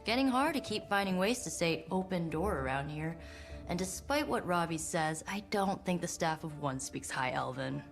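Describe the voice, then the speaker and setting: A woman's voice: fairly low pitch, animated, normal speed, faint music behind. An actress playing a young, sarcastic but friendly superhero witch in a video game, casual and wry.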